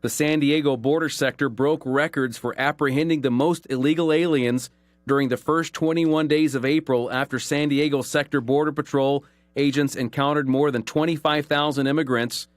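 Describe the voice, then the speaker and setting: A man hosting a call-in radio show, giving commentary and reading news headlines aloud in an earnest, emphatic way, slowing down to stress key phrases. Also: fairly high pitch, fairly even intonation, no room sound, soft background music.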